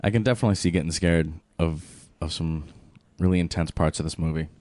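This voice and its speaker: A man's voice: deep voice, fast talker, a little mellow, no echo. A man hosting a podcast, easygoing, steering a casual film chat by asking the others questions. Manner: easygoing, asks the group questions. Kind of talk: casual movie discussion.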